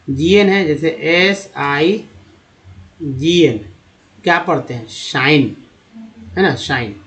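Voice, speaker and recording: Guy, kinda high voice, spelling out english words letter by letter, repeats everything. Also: poor audio. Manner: spells letters slowly, repeats words, addresses viewers as friends. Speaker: teacher. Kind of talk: spelling lesson, sounding out letters.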